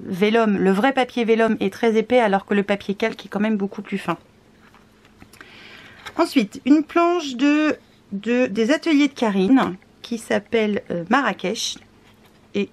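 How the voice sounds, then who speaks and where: A tired woman describing scrapbooking papers in casual unboxing commentary, with hesitant talk, many fillers and self-deprecating asides. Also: mid-range voice. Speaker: scrapbooking vlogger.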